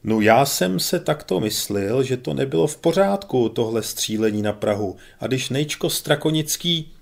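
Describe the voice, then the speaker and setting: A man's voice: mid-range voice, animated, creaky, voice pushed up. Man doing a timid rustic guardsman. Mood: hesitant. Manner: hesitant, rustic speech. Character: timid deep-voiced male townsman guardsman.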